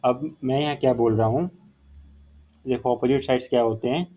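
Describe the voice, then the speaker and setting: A man's voice: medium pitch, brisk. A male math teacher explaining a whiteboard lesson step by step, repeating key terms and mixing in English phrases. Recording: phone-like narrow sound.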